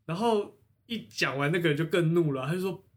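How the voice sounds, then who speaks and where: Animated podcast man. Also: on the high side, brisk. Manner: animated storyteller who retells scenes. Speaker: podcast co-host. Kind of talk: casual podcast chat.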